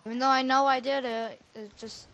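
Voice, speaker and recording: A woman chatting casually during a co-op game, bossing her teammates around with quick orders. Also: high voice, fairly even intonation, a bit bright, muffled recording, a little hiss or hum. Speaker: gamer. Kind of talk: casual co-op gaming chat.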